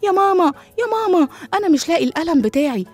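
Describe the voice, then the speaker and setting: A woman voicing an angry, whiny little boy who shouts and insists, with an Egyptian accent, in a children's story. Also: high voice, very fast, soft background music, voice pushed up, close to an everyday voice. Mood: angry shouting. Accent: Egyptian Arabic.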